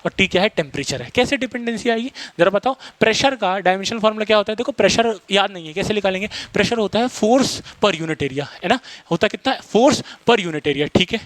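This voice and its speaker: A man teaches physics at a rapid clip, constantly quizzing his class. His voice sits fairly high for a man. The recording is close and dry. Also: lively intonation, fairly bright tone, no room sound. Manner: fast-talking, quizzes students, mixes Hindi and English terms. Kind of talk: classroom lecture.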